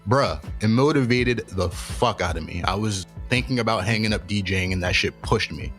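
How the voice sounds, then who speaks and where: A young adult man hosting a podcast, telling stories and giving career advice in a casual, profane, animated way. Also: fairly low pitch, moderate pace, soft background music. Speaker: podcast host.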